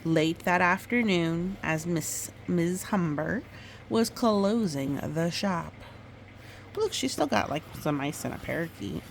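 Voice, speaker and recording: Slight background noise accompanies a woman with a gravelly, fairly low voice doing a storytime reading of a children's book. She reads with expression and stops to chat about what the pictures show.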